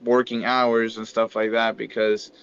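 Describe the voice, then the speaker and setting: A man's voice: lowish voice, completely flat delivery, measured pace, fairly bright tone, clean tone. A man from Peru, a podcast guest chatting casually, laughing often and searching for words with restarts. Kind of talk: casual chat. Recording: muffled lo-fi dry mic.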